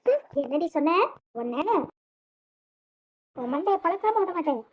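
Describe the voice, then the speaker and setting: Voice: extremely high pitch, expressive, a little slow. A performer voicing a hot-tempered young man who threatens in anger. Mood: threatening. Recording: tinny phone-like sound.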